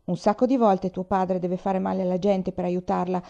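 A woman reading aloud, voicing a bold, brisk young girl who is scornful of weakness. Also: on the low side, little pitch movement, creaky, mellow, highs cut off.

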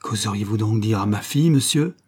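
A man's voice: lowish voice, expressive, brisk. A man voicing a proud middle-aged nobleman who turns indignant and raises his voice in an audiobook scene. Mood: furious. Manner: indignant, hoarse shouting.

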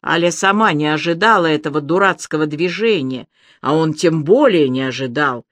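A reader narrating an audiobook in a measured, even way. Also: medium pitch, no room sound.

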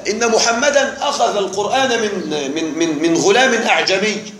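A man's voice: high-pitched, brisk, a bit bright, roomy sound, slight background noise. A man teaching an Arabic grammar lesson to a live class, explaining patiently, repeating key words and checking that the students are following.

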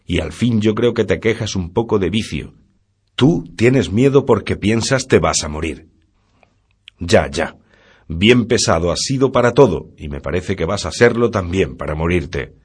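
A man's voice: low-pitched, expressive, unhurried, husky, exaggerated voice. A man voicing a stern pious scolding noblewoman. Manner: scolding, preachy.

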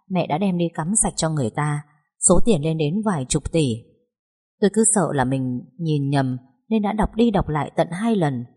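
A woman narrating a first-person story audiobook with a steady, expressive reading. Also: low voice, husky.

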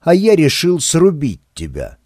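A man reading an audiobook, voicing a hot-headed cameraman who speaks slowly and insistently. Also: fairly high pitch, huge pitch swings, mellow, no echo, clean studio sound, pitched above the performer's own voice, exaggerated voice. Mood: angry.

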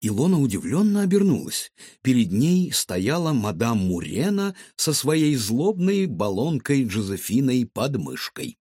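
A man narrating a children's story aloud with lively, expressive storytelling. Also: medium pitch, measured pace, slightly rough, no room sound, studio quality.

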